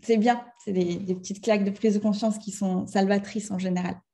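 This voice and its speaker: A middle-aged French woman giving a lively talk on emotions to a live audience. She speaks to them directly and acts out little scenes in other voices. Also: medium pitch, a little fast, gravelly. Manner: chatty, addresses the audience directly. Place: conference room with a live audience.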